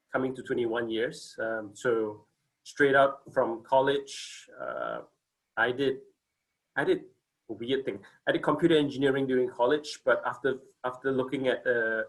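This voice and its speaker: A Singaporean man in his forties gives a casual company presentation on a video call, his mid-range voice fairly bright but poorly recorded. He's hesitant, using many fillers and restarts.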